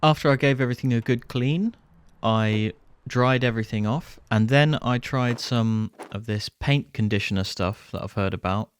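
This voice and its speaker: Narrating his restoration series from a barn workshop, a British man in his thirties speaks smoothly at medium pitch and a moderate pace. His style is low-key and conversational, sprinkled with casual asides, and he's miked with a clip-on lapel.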